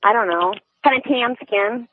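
A woman's voice: fairly high pitch, normal speed, no echo. Unsure giggly woman caller, tinny dry phone sound. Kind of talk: call-in radio conversation.

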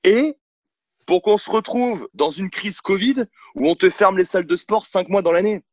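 A man's voice: high-pitched, moderate pace, darkish tone, no echo. Outspoken guy coach on a podcast, blunt, lots of restarts, dry kinda dull sound. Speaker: CrossFit coach, podcast guest. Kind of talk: casual conversational interview. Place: at home on a couch, filming himself. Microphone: camera mic.

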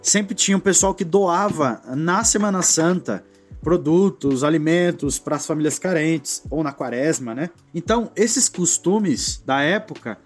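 A man in his forties with a Brazilian Portuguese accent tells a story on a casual talk show. His voice sits a little high, and he speaks in a reflective way, tagging his sentences with a quick "né". Faint music plays softly behind him. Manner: reflective, often adds "né" and trails off.

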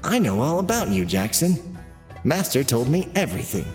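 Cheerful naive robot sidekick, read by a male narrator, higher than his own voice and very animated, in a storybook. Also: normal speed, faint music behind, close to an everyday voice. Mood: cheerful, innocent. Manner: chatty, guileless, catches himself mid-sentence.

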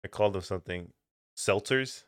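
Young man, podcast co-host, low smooth voice, dry close sound, swears casually, laughs a lot. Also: brisk, no echo. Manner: loose and profane, laughing often, mimicking yells. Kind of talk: casual chat.

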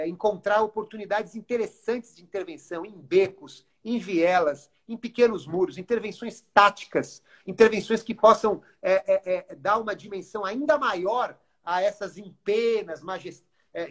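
A Brazilian man, a city culture official, speaking earnestly in a live online interview, with frequent fillers and restarts. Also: sits high. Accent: Brazilian Portuguese.

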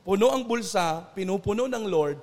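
A Filipino pastor speaks with earnest, preacher-like conviction, stretching words out when he wants them to land. His voice sits high for a man. A long reverb trails behind him, as if he were in a large hall. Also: lively intonation, darkish tone. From Philippines. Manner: earnest, preacherly, slows down for emphasis. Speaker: pastor, interview guest.

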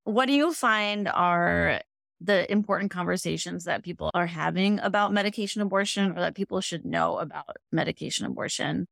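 A woman's voice: on the low side, normal speed, vocal fry, fairly bright tone, dry recording, clean studio sound. A woman hosting a podcast who asks chatty, rambling questions with restarts. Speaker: podcast host. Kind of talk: podcast interview.

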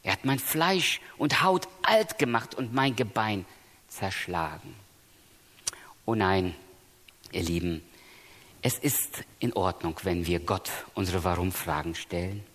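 A man preaching a sermon in a church, reading scripture and swinging between hushed, quiet passages and raised, emphatic ones. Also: low-pitched, animated, slow, in a large hall.

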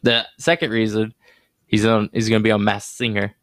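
Man, podcast host, casual sports chat, profane banter, low voice, dry sound. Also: little pitch movement, moderate pace, a bit bright, no room sound.

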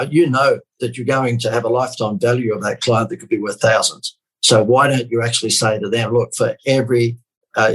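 Australian man, 50s, podcast guest; raspy edge, quick sales patter, deadpan sarcasm. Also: mid-range voice, poor audio. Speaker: marketing guest. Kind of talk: casual podcast interview.

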